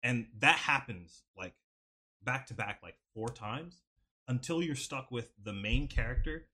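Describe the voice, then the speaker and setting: A man's voice: mid-range voice, measured pace, sharp tone, breathy edge. A young man talking casually on a podcast, drifting through a long story with plenty of fillers and restarts. His studio mic is turned slightly off-axis. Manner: rambling storyteller, lots of "like" fillers. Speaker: podcast host. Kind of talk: casual chat.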